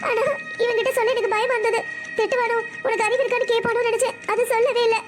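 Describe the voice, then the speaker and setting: Over music, a woman delivers fast, flat lines at an extremely high pitch. She is voicing a seventeen-year-old girl in a family cartoon, heartbroken and complaining tearfully.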